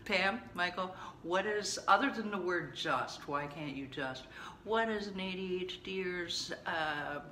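A woman with a bright, forceful voice talks casually to her viewers, coaching them with blunt tough love and chatty asides. Her voice sits a little low in pitch, and a faint hiss of noise stays behind her. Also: a little slow, poor audio. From Canada. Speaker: vlogger and coach. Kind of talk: casual talk to camera.

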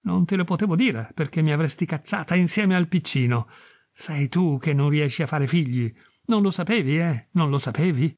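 A man's voice: a little high, animated, normal speed, a little mellow, dry recording, studio quality. A man voicing a desperate peasant wife who speaks through tears, defiant and pleading. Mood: sobbing. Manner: tearful, pleading.

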